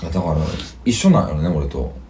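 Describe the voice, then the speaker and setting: A man's voice: rumbling low, sing-song, fast, mellow. A man with a Kansai accent in casual podcast chat, talking bluntly and grumbling. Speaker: podcast co-host.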